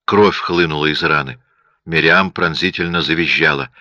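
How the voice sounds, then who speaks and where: Low-voiced male audiobook narrator. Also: moderate pace, bright, forceful tone, no echo. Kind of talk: scripted narration. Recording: dull lo-fi audio, dry.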